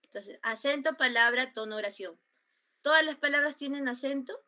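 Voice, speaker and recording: A young woman with a Peruvian Spanish accent giving an online grammar class, explaining slowly with many fillers and repetitions over a computer mic. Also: high voice, sharp tone. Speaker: student tutor teaching grammar. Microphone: computer mic on a video call.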